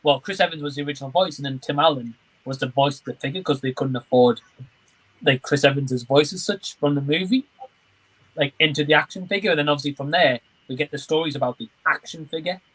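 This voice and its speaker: Over a rough recording, a livestream host with a slightly high, somewhat bright voice talks fast. He keeps things casual and agreeable, rambling a bit and reading out what viewers comment.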